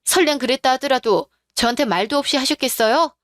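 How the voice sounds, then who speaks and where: A woman's voice: sits high, a little fast, a bit bright, no room sound, clean studio sound. A woman voicing a betrayed wife in a radio drama, confronting her in-laws in a demanding, confrontational way.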